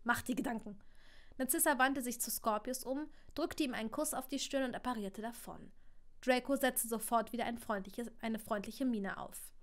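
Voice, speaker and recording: A woman's voice: a little high, moderate pace. Woman reading aloud, slipping and correcting. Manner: expressive, with frequent small slips and corrections. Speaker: channel host reading aloud. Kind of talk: reading fan fiction aloud on a livestream.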